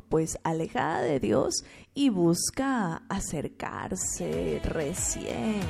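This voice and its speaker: A woman's voice: on the high side, creaky, mellow. A young adult woman hosting a morning radio program, giving a reflection on faith, asking her listeners questions and repeating words for emphasis. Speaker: radio host.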